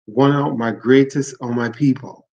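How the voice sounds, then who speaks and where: A man's voice: mid-range voice, fairly even intonation, a little slow, a little mellow. A man reading aloud as a fearless, insistent older village man, speaking seriously, over slightly dull lo-fi audio.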